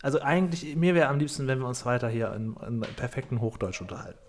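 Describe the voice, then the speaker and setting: A man's voice: medium pitch, fast. A man on a podcast panel in casual chat, rambling through opinionated complaints.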